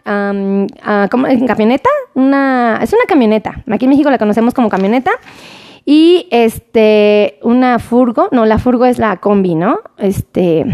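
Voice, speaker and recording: A high-pitched woman with a Mexican accent, a doctor hosting a live stream. She chats casually and affectionately, reads out viewer comments and greets each person by name, close to the mic. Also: darkish tone. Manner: chatty and affectionate, sends greetings and kisses by name.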